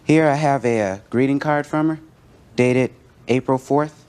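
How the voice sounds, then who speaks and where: A man plaintiff on a TV courtroom show, explaining himself in a hesitant, halting way. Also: mid-range voice, darkish tone, clear, resonant tone. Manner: hesitant, halting with filler sounds.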